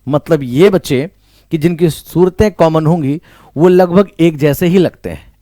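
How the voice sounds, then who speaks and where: Warm and unhurried, a man with a slightly high voice and an Indian English accent teaches vocabulary online. He repeats each word, quizzes the listener, and mixes in Hindi phrases, all in a dry, studio-quality recording.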